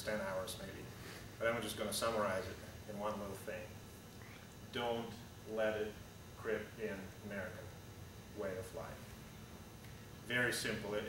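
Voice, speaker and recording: Here the same kind of speaker, a pilot in his thirties with a Russian accent, talks bluntly and casually over slides, stumbling with "uh"s and restarts while he stands and gestures. His pitch sits low. Recorded by a camera at the back of a big hangar-like room, he sounds distant, with heavy echo and constant hum.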